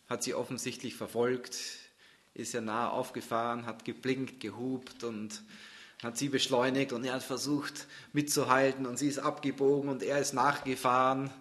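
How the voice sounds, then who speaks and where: A man preaches with fervent intensity. His voice sinks to a hushed near-whisper and then rises to loud, urgent calls. He sits at a middle pitch for a man. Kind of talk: sermon.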